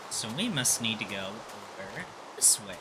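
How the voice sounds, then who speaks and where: A young adult hosting a gaming let's play, giving commentary and reading story text aloud in a halting, amateur dramatic way. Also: medium pitch, very animated, very noisy. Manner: halting when reading, stumbles and repeats phrases.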